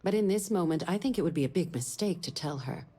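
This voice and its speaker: An actress playing a stern, secretive middle-aged military official in a video game, speaking in a measured, formal, authoritative way. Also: female voice, fairly low pitch, lively intonation, dark tone. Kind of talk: video game dialogue acting.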